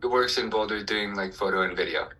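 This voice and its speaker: A man of twenty from Colorado, a band's singer, answering interview questions in a relaxed, hesitant way. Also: on the low side, a little fast, rough recording. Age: 20s. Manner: relaxed, hesitant with fillers and restarts. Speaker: band singer and bassist.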